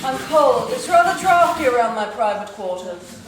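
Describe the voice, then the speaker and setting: A woman's voice: on the high side, sing-song, normal speed. A woman playing a vain, imperious king in comic stage style, haughty, pompous and demanding. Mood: self-satisfied. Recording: echoey, distant, noisy stage recording.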